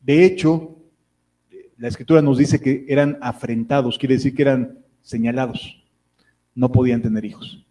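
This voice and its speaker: A man preaching a sermon, reading verses and then unpacking them in an easy, conversational manner. His voice is mellow and warm, at a middle pitch, with the odd filler as he thinks aloud. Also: fairly even intonation, normal speed, rough recording. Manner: explanatory, reads Bible verses aloud then comments, with fillers.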